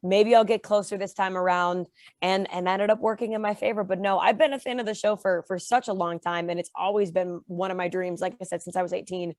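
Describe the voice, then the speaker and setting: A young woman guest in a casual interview, telling her story with lively pitch jumps when she acts out quotes. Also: quick pace, few pauses, no room sound. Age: young adult. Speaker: interview guest, reality show contestant.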